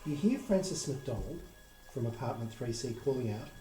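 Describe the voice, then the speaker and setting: A man's voice: mid-range voice, expressive, normal speed, dark tone, soft background music. A man narrating a tabletop horror game as game master, with descriptive, theatrical delivery. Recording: echoey room.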